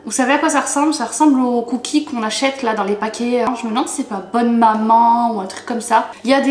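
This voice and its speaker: A woman's voice: fairly high pitch, roomy sound, a little hiss or hum. A young woman casually chatting to camera at home, tasting snacks and murmuring as she eats. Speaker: food taster vlogger. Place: home living room, at low table.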